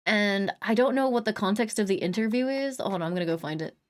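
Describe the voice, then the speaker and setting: A woman live streamer chatting casually, humming little filler sounds and greeting viewers with bursts of excitement. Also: medium pitch, fast talker. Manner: chatty, hums and scats little filler sounds between thoughts.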